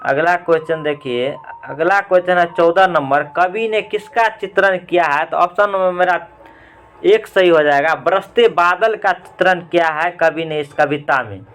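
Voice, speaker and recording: A man's voice: on the high side, normal speed, fairly bright tone, clean tone. A man teaching in who reads out exam questions one by one, gives the correct option, then asks and answers his own questions to repeat it. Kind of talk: reading out and explaining exam answers.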